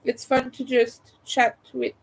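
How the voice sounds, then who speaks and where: A woman's voice: high voice, flat delivery, takes it slowly, vocal fry. A woman hosting a casual livestream chat in a rambling way, her voice congested and nasal from a cold, as if her nose were pinched. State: stuffy nose from a cold and allergies. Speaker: livestream host.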